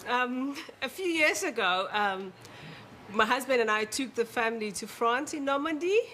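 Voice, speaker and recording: A woman's voice: fairly high pitch, lively intonation, normal speed, sharp tone. A woman with a South African accent, hesitantly telling a holiday story with many ums. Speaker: audience member telling a story. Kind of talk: nervous anecdote. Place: TV studio. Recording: noisy studio.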